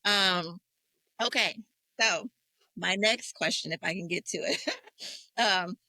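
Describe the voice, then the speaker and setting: A woman in her forties hosts a faith-centered conversation about grief. She talks candidly and emotionally, searching for her words with many fillers. Her voice is bright and forceful, heard close and dry. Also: on the low side, takes it slowly, no echo, poor audio. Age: 40s. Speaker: podcast host.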